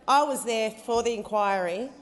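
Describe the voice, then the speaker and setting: A woman's voice: on the high side, normal speed. A woman with an Australian accent raising objections as a senator in debate, in insistent, pointed, short phrases. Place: large parliamentary chamber. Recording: echoey chamber with long reverb.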